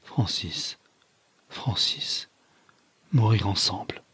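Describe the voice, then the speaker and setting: A man's voice: medium pitch, lively intonation, slow pace, a little mellow, breathy edge, no echo, full character voice. A man voicing a desperate wounded young wife, speaking in faint, pleading lines. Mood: faint whisper.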